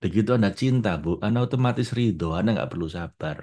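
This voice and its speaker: A man delivers a sermon in a low voice. His pitch leaps and dips, and he moves between loud bursts and near-hushed asides. He keeps speaking directly to the people in front of him. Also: fast. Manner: animated, addresses listeners as Bu and Pak, jumps from loud to hushed. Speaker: preacher. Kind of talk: religious talk to an audience.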